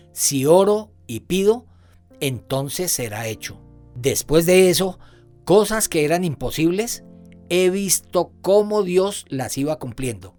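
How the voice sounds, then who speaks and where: Fervent interpreted sermon voice. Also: mid-range voice. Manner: fervent, emphatic preaching with repeated assurances.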